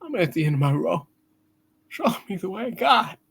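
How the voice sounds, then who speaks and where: Woman playing desperate man, low husky pleading voice. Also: big pitch swings, normal speed, heavily acted. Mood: broken, desperate prayer. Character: desperate praying man at the end of his rope. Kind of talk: hammy amateur radio play reading.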